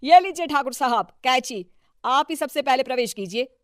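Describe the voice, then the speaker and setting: A woman voicing a deferential, flattering townsperson in a cartoon story, with fawning exclamations. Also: sits high, moderate pace, no echo, clean studio sound. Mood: welcoming. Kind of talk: Hindi cartoon story dialogue.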